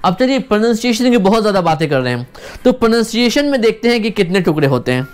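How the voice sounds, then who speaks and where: A woman teaching English pronunciation in an online lesson, explaining in Hindi and slowly stretching out words to show their syllables. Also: mid-range voice, big pitch swings, soft background music. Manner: patient, repeats examples, counts down for guesses.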